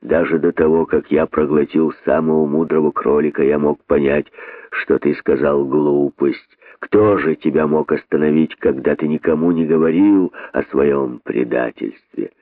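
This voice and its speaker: A man's voice: extremely low pitch, steady tone, moderate pace, no room sound, pitched below the performer's own voice. An actor reading an audiobook, voicing a hateful old male boa who talks in a heavy, brooding, hissing way, on tinny phone-like audio.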